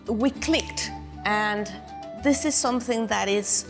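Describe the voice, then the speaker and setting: A woman's voice: a little high, slow, soft background music. A woman from Mexico with a Mexican accent, a documentary director answering interview questions in a reflective, searching way with frequent restarts.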